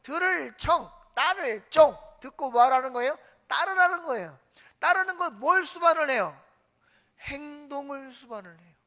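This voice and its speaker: Woman, pastor, church sermon, high pitch, asks and answers her own questions. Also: animated, normal speed, pushed and bright. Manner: asks the congregation questions and answers them herself. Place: church sanctuary.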